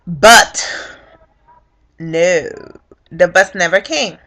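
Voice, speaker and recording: A woman's voice: fairly low pitch, very slow, fairly bright tone. A young woman telling a story on her vlog in a casual, profane way, acting out what people said. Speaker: vlogger.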